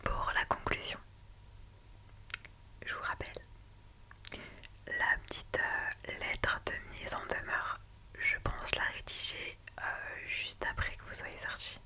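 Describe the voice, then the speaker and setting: A whispering woman takes the role of a lawyer in an ASMR client meeting, speaking slowly, softly and reassuringly. She says "ok" and "d'accord" calmly and often.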